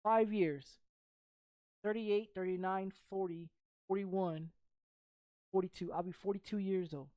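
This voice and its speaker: A Texas woman in her thirties streams games and chats casually, blunt and full of swearing, looping back over the same phrases. Her mid-range voice is mellow and fairly even, a little slow with long pauses, in a dry recording.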